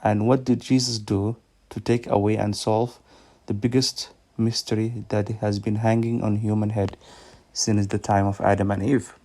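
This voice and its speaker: A man in his thirties from Somalia, with a Somali accent, giving an earnest, measured personal faith testimony that halts now and then. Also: on the low side, flat delivery, dark tone. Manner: earnest, measured, slightly halting. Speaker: ministry speaker.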